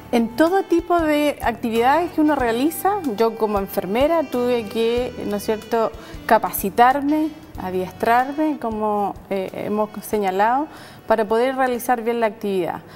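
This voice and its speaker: A woman's voice: a little high, a little slow, a little mellow, in a large hall, faint music behind. A middle-aged Chilean woman, a nurse, talking on a faith program and leading a prayer, hesitant and full of filler sounds and tag questions. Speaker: nurse and guest.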